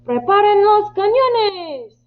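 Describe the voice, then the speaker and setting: A woman's voice: medium pitch, very slow. A woman voicing a frustrated male ship captain who barks impatient orders, over a tinny lo-fi line. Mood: commanding. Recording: tinny lo-fi line with faint hum.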